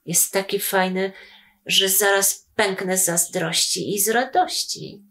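A woman voicing Kubuś, a small eager boy who is the youngest brother, asking wide-eyed, excited questions. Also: medium pitch, measured pace, natural voice. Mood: delighted.

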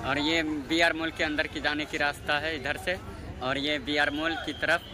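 Crowd noise surrounds a young man, a native Maithili speaker, who chats informally and repetitively to his phone at arm's length, vlogging as he walks by roads and through a large busy mall. He speaks at normal speed with a fairly high pitch and flat delivery. Street and mall ambience and vehicles are loud on the handheld recording.

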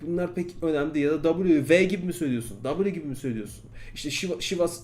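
A man who teaches English, speaking in a relaxed podcast style. He talks conversationally, circling back to restate the same point in new words. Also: on the high side, racing. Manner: conversational, repeats and rephrases points. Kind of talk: casual podcast-style talk.

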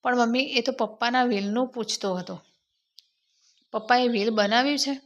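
A woman's voice: a little high, moderate pace, lo-fi sound, close to an everyday voice. A woman voicing a suspicious, anxious young wife in a spoken story.

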